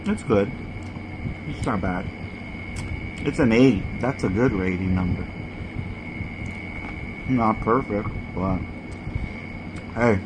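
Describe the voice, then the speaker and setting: A man's voice: fairly low pitch, takes it slowly, pauses often. Casual man reviewing food, noisy background. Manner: informal, repeats short verdicts. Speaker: mukbang host. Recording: clearly noisy background ambience.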